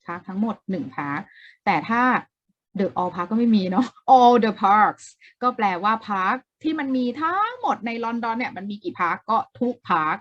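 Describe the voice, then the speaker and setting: A woman's voice: medium pitch, expressive, moderate pace, lo-fi sound. A woman teaching an English exam-prep lesson in a casual way, explaining step by step, repeating key words and asking the viewer questions.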